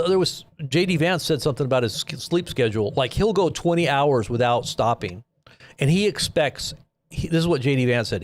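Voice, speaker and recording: A man's voice: mid-range voice, no room sound. Casual rambling male news host. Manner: casual, rambling with fillers, incredulous. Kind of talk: live news commentary.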